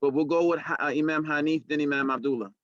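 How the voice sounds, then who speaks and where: A man's voice: a little high, fairly even intonation, fast, fairly bright tone, no echo. A middle-aged man moderating a panel over a video call, earnest and repeating words as he builds his point. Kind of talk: panel discussion. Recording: dry, dull video call audio.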